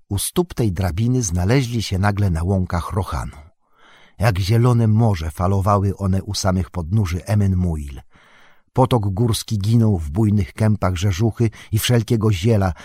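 A man reading a fantasy novel aloud as an audiobook narrator, in an even, measured storytelling manner, recorded close to a studio mic. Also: low-pitched, breathy edge, no room sound.

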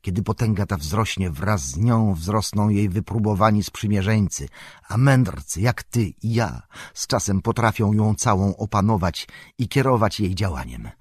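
A man reading an audiobook who voices a proud, scornful old male wizard lord, speaking slowly and grandly, as if declaiming. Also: fairly low pitch, animated, husky, no room sound. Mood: coaxing.

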